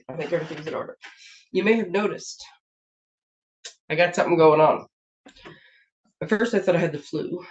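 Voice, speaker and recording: A woman hosting a casual craft live stream from her home desk, rambling and laughing often, a bit congested from a sinus infection. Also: deep voice. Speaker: host of a papercraft live stream. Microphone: webcam setup. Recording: dull lo-fi stream audio.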